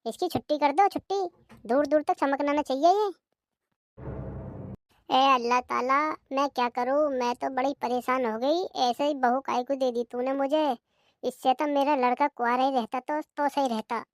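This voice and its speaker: A woman's voice: sits high, moderate pace, dry recording, natural voice. A woman doing a grumbling old cartoon mother-in-law. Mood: lamenting. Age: older. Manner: complaining, sighing lament. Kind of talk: cartoon comedy dub.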